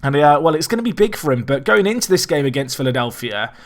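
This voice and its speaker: A young man, the host of a let's play, talks fast in a slightly high, somewhat raspy and hoarse voice. He's casually commentating his football management game, rambling and restarting, with bursts of excitement at big chances.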